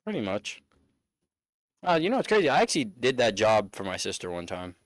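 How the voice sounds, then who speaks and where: Animated, laid-back man chatting on a podcast. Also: fairly low pitch, fairly quick, no echo, clean studio sound. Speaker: podcast co-host. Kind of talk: casual podcast chat.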